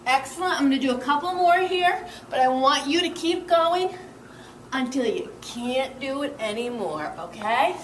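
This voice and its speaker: A woman's voice: high voice, a bit bright, reverberant, far from the mic, a little hiss or hum, rough recording. A young woman leading a workout as fitness instructor, upbeat and encouraging, counting reps and a little out of breath.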